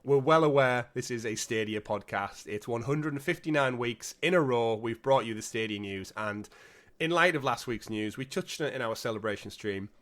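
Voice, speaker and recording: A man hosting a gaming podcast with energetic, jokey patter, a bit congested from a cold. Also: mid-range voice, moderate pace. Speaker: podcast host. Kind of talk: upbeat podcast presenting.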